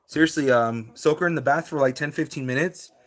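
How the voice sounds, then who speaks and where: A man with a slightly high, fairly bright voice talks a little fast while hosting a casual live stream. He answers his viewers' chat in a laid-back way, using lots of fillers.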